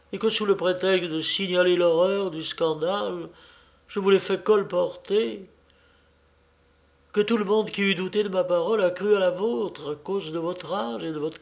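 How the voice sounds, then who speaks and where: A man's voice: high-pitched, vocal fry, a little mellow, pitched above the performer's own voice. A man voicing an anxious, remorseful society lady who pleads and confesses in a raised voice.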